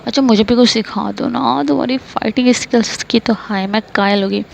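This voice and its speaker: A woman's voice: a little high, fairly even intonation, brisk, gravelly, a little hiss or hum. A woman voicing a bubbly, playful young woman who teases and talks nonstop, in a storybook reading. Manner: chatty, playful, teasing. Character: bubbly teasing young woman, recovering hospital patient.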